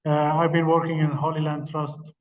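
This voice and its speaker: A man from Palestine, introducing his work as a tour organizer on a video call, speaking earnestly with pauses. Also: a little high, completely flat delivery. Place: outdoors in a town square. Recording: distant mic, faint street noise.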